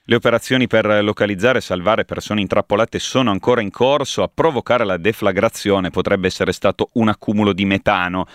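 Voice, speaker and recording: Steady low-voiced male news announcer. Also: no echo, clean studio sound. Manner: steady, measured newsreading. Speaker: newsreader. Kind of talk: radio news bulletin.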